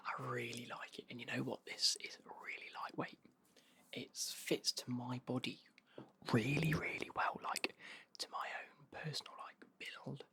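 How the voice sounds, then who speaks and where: Male ASMR host, breathy whisper with fry, rambling casual unboxing chat. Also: medium pitch, pushed and bright. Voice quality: breathy whisper with creaky edges.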